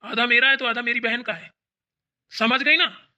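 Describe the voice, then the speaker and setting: A performer voicing a doting but quick-tempered elder brother in a cartoon, scolding his wife and comforting his sister. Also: very high-pitched, steady tone, sharp tone, lo-fi sound, full character voice. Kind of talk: cartoon voice acting.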